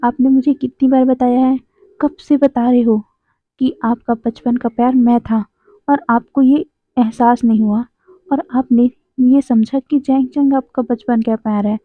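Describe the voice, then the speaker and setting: A woman's voice: on the high side, fairly even intonation, unhurried, dry recording. A woman reading the lines of a sulky, complaining young man, tinny sound. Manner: pouting, complaining. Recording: dry, tinny phone-like audio.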